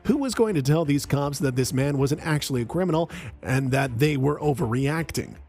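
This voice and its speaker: A man narrates a scripted account in a steady, measured way. His voice sits fairly high for a man. The delivery is even and smooth throughout.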